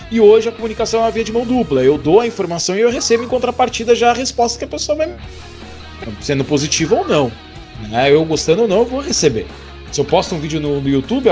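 A man in his twenties hosting a podcast, chatting casually and joking, with many restarts. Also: on the high side. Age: 20s. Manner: jokey, laughing, rambling with restarts. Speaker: podcast host.

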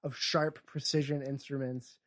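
A man's voice: medium pitch, flat delivery, normal speed, a bit bright. A man co-hosting a podcast, chatting casually and joking wryly while he works through comedy bits. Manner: wry, joking, acts out bits. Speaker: podcast co-host.

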